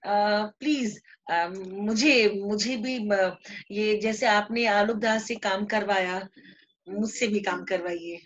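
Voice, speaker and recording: A woman's voice: mid-range voice, takes it slowly, fairly bright tone, slight background noise. A woman with an Indian Hindi accent hosting an online theatre workshop, speaking in an effusive, eager and appreciative way. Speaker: workshop host. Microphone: video call. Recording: muffled video-call audio.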